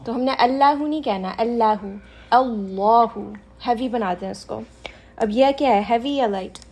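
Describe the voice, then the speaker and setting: A woman teaching Quran recitation leads a class lesson, patient and slow, repeating examples unhurriedly and mixing Hindi-Urdu with English. Her pitch is fairly high and her tone darkish.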